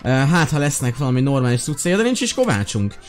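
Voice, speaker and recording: A man hosting a gaming video, giving excited, chatty commentary straight to his viewers. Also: mid-range voice, over loud music.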